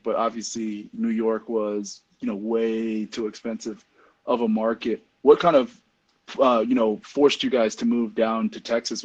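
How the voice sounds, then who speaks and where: A man's voice: medium pitch, a little mellow. Rambling man on a dull line. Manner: rambling questions full of kinda and you know. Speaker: podcast co-host. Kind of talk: casual interview. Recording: dull lo-fi sound.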